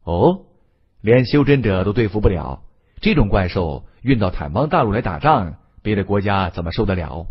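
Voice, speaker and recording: A man voicing a shrewd young male leader, low and husky. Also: very animated, moderate pace, highs cut off, heavily acted. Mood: musing.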